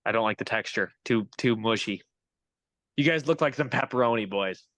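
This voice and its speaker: A man's voice: medium pitch, normal speed, a bit bright, dry recording, rough recording. A young adult man, a hitting coach, talking as a guest in a casual interview, upbeat and motivational. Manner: upbeat, motivational, pep-talk phrasing.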